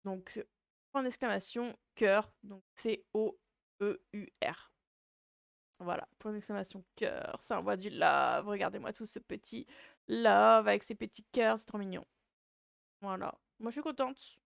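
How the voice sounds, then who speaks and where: A woman's voice: medium pitch, measured pace, gravelly, no room sound, studio quality. A woman hosting a livestream in casual chat, with a cute, playful and rambling, hesitant way of talking. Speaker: VTuber livestream host.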